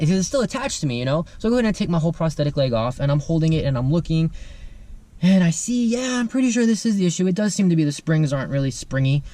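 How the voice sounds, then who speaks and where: A young man vlogging, telling a comic story to camera in an animated, self-amused way, laughing as he goes. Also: mid-range voice.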